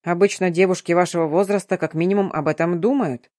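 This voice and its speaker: A woman's voice: lowish voice, fairly even intonation, fast, mellow, dry recording, studio quality, close to an everyday voice. A woman reading the lines of a stern, domineering and sly male curator in an audiobook, with a curt, commanding manner. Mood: stern, mocking. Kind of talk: audiobook narration.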